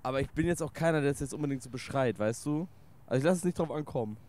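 A young man from Swabia chatting casually as a podcast guest, relaxed and slangy. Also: medium pitch, racing. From Swabia, Germany. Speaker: guest, content creator. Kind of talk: casual chat.

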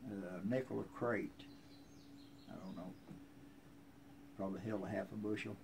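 Sitting on a covered wooden porch, a rural American man in his seventies tells family history in a casual, folksy, plainspoken way. His voice is fairly low, creaky, darkish and slightly rough, with fairly even intonation and an unhurried pace. A handheld phone a few feet off records him amid outdoor ambient noise.

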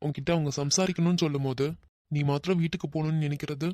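A performer voicing an easygoing, teasing young man in a cartoon, with a Kanyakumari Tamil accent and a soft, coaxing way of talking. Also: medium pitch, fairly even intonation, rapid-fire, dry recording, studio quality, natural voice. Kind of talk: cartoon voice acting.

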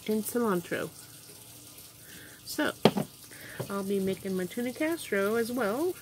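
An older Kansas woman, a home cooking vlogger, chats casually to camera while cooking in her kitchen, rambling and thinking aloud. Her mid-range voice is expressive and a little slow. The built-in camera mic picks up heavy noise, running tap water and kitchen clatter, and her voice fades as she moves toward and away from it.

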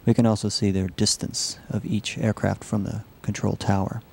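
A software researcher narrates a live demo of a computer animation, explaining his system in a low, gravelly monotone. His delivery is halting and measured.

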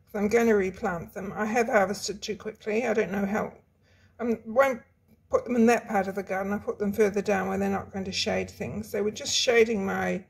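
A woman's voice: medium pitch, creaky. A woman vlogging casually about her garden, chatty and rambling, often laughing as she talks. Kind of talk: casual chatty vlog to camera. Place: home garden in hot weather.

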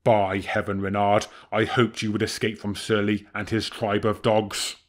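A man voicing a big male bear, a stern royal messenger who speaks slowly, heavily and solemnly. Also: fairly low pitch, little pitch movement, natural voice.

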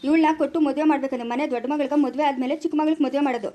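A woman playing a stern mother who scolds and orders her daughter to keep quiet, speaking in a rural Karnataka Kannada accent in an amateur family drama. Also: high voice, steady tone, very fast, lightly acted. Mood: scolding. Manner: scolding, sharp commands.

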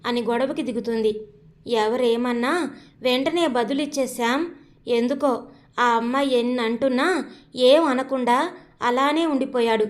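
High-voiced woman reading a story aloud. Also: a little slow, long pauses. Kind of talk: scripted story narration.

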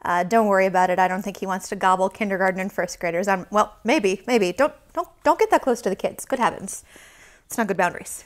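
A woman teaching yoga to young children, playful and silly, with sudden high exclamations. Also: fast talker. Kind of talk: guided kids' yoga lesson.

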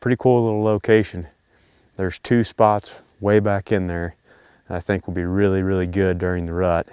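A young man giving a relaxed, plain-spoken recap to the camera outdoors at night beside his vehicle. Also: low voice, normal speed, clear, resonant tone, dry recording, highs cut off. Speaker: hunting vlogger.

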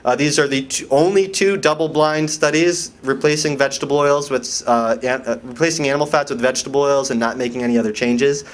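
A man's voice: medium pitch, fairly even intonation, brisk, hardly any pauses. A man giving a conference lecture from slides, with dry, wry asides, questions to the audience and many fillers and restarts.

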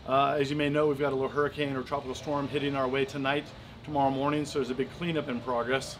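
A man's voice: mid-range voice, little pitch movement, fast talker, slight background noise, low-quality recording. A middle-aged man giving a casual video tour to camera as a vlogger, recorded outdoors a few steps from the camera. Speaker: vlogger and dive guide. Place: outdoors at a seaside resort. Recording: music behind the voice.

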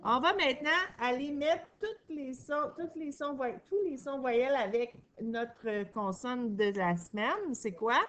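A woman with a Québécois accent teaching a reading lesson to children, sounding out words slowly and praising answers. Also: high-pitched, slight background noise. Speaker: primary school teacher.

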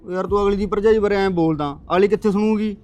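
A man's voice: sits high, fairly even intonation, fast talker, darkish tone, soft background music, lightly acted. A man playing a young husband caught between his wife and his father, talking in a pleading, placating way. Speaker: son and husband.

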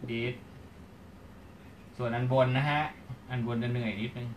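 A man teaching English grammar in a live lecture, animated and acting out short question-and-answer exchanges. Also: mid-range voice, measured pace, a little hiss or hum.

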